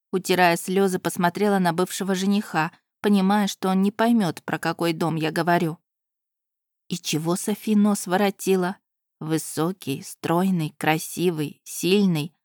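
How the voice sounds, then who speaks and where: Female audiobook narrator, lowish voice, dry close mic, first-person storytelling. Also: steady tone, normal speed, a little mellow, no echo.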